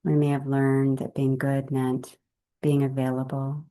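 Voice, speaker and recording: A woman with a very deep, level-toned voice leads a guided meditation. She speaks gently and without hurry, in measured phrases separated by long pauses.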